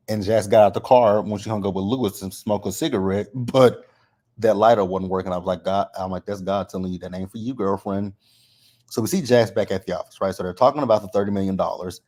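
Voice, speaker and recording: A man's voice: on the low side, mellow. A man giving a casual, conversational recap with a slight lisp from wearing braces, often tagging his points with a questioning "right?". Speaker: host of a TV episode recap.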